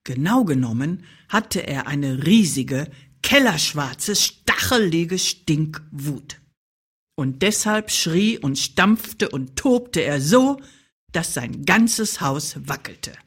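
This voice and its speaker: A woman narrating a children's story in an expressive, playful way. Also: low-pitched, breathy edge. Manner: slow, playful, with dramatic pauses. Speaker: audiobook narrator.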